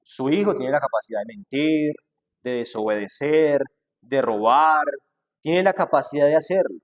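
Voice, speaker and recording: Male pastor, slightly raised pitch, mid-sermon, rhetorical and lively in delivery. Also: normal speed. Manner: acts out quoted objections in a changed voice; asks rhetorical questions.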